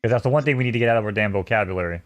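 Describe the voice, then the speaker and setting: A man's voice: on the low side, very fast, no room sound. A man co-hosting a live stream, chatting loosely and casually with some swearing. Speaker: stream co-host.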